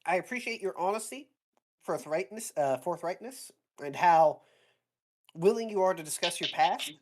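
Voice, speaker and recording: Low-voiced courteous male lieutenant, woman-voiced for a tabletop game, earnest and formal. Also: animated, moderate pace, lightly acted.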